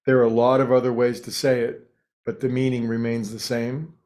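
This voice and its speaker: This meditation guide is a man whose speech is notably level and even. Calm and slow, he lays out short phrases with gaps between them, his pitch holding near the middle.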